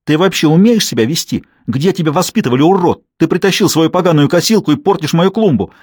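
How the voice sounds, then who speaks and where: A man reading an audiobook, voicing an angry woman who shouts sharply and cuts people off. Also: mid-range voice, lively intonation, fast, no echo, studio quality, natural voice. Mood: furious. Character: furious fiery woman, mid-argument. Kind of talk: audiobook character voice.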